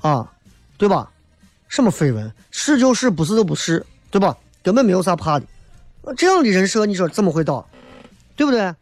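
A man's voice: high-pitched, very animated, brisk, faint music behind. A man hosting a talk show, giving a casual comedic monologue in a colloquial, emphatic way, often tossing in rhetorical questions.

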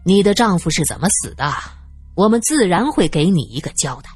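A woman doing a stern male inspector, curt and impatient, dropped low and breathy. A dry, close storytelling recording. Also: very animated, brisk, dry recording, soft background music.

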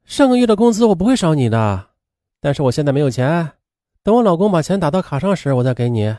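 A man's voice: fairly high pitch, very animated, quick pace, mellow, dry recording, studio quality. A man voicing a brusque young mother who bluntly refuses her nanny's requests. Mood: curt.

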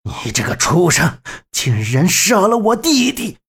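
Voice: medium pitch, big pitch swings, measured pace, vocal fry, a bit bright, husky, pitched above the performer's own voice, full character voice. A man voicing a proud, bitter older male swordsman with a sneering, defiant way of talking. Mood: enraged.

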